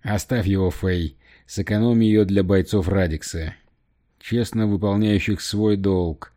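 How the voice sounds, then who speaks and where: Furious commanding leader, raised accusing voice, dark low tone, read by a male narrator; audiobook. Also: steady tone, measured pace. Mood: angry. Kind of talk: audiobook character voice.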